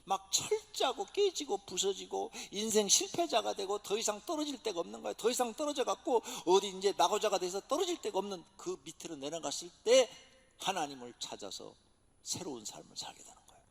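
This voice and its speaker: Male pastor, fervent preacher who drops to hushed tones, lively swooping delivery, long reverb of a church hall. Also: high voice, a little fast, vocal fry. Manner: dramatic, swinging from loud exhortation to near-whisper. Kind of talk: sermon. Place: church sanctuary.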